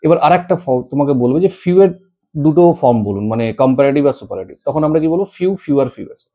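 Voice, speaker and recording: A man's voice: mid-range voice, expressive, fast, mellow. A man teaching an exam-prep English grammar lesson, explaining step by step and listing word forms with frequent "uh" sounds and "okay?" check-ins.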